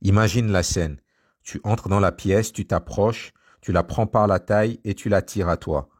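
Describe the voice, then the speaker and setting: Deep husky male voice-over. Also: steady tone, a little mellow. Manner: slow, emphatic, commanding delivery. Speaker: motivational narrator. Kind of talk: scripted voice-over narration.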